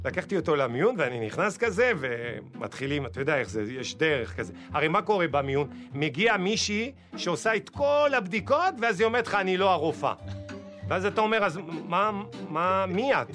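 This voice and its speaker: High-voiced animated man telling stories. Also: soft background music. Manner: animated, exclaiming, acts out dialogue. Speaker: storyteller. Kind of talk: comic personal anecdotes.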